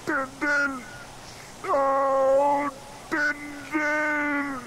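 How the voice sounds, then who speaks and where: An actor playing a gruff, big-hearted, blustery older sea captain with a gravelly voice in a radio drama. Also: male voice, very high voice, monotone, extremely slow, pushed and bright, heavily acted. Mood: anguished. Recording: noisy sound effects behind.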